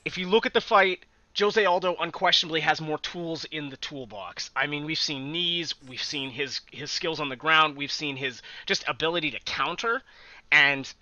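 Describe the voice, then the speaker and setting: A man's voice: on the high side, normal speed, bright, forceful tone, no room sound, highs cut off. A man co-hosting a casual podcast, talking animatedly with frequent laughs and the odd swear word. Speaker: podcast co-host. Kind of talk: casual sports chat.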